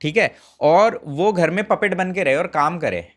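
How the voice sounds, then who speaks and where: A woman's voice: on the low side, expressive, measured pace. A woman hosting an interview, giving short encouraging responses and asking the occasional question. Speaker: podcast host.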